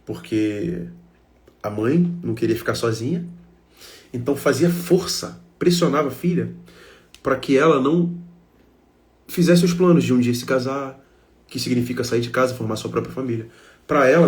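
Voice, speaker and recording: A man's voice: mid-range voice, darkish tone. A man with a Brazilian Portuguese accent giving an emotional self-help talk, speaking emphatically to his listeners in short repeated phrases.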